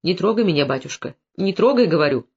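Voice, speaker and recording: A reader voicing a stubborn young peasant woman who answers in sharp, defiant retorts, in a slightly muffled audiobook recording. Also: medium pitch, very animated, brisk. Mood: threatening.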